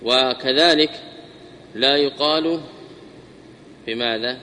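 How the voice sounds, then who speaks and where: A man giving a classroom grammar lesson, repeating examples slowly and putting questions to his students. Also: medium pitch, pushed and bright, a little hiss or hum. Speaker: teacher explaining grammar. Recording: long reverb hall.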